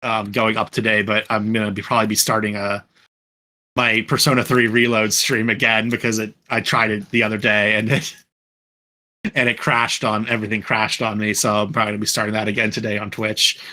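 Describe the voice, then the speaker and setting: This podcast panelist, who also does fan dub voice acting, chats casually with a group in a fairly quick, flat delivery. His voice sits on the low side and sounds pushed and bright, and he keeps rambling, self-correcting, and dropping "like."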